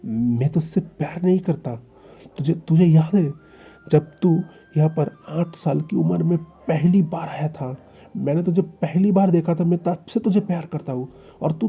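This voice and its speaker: A man's voice: a little high, creaky, warm tone, slightly rough. A man voicing a possessive, jealous young man who pleads with his partner in a stammering, reproachful way.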